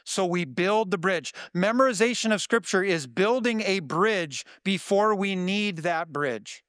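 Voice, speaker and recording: A man preaching a sermon in an earnest, conversational way, his voice sometimes jumping up with excitement. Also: high-pitched, a little slow, dry recording, studio quality. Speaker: pastor.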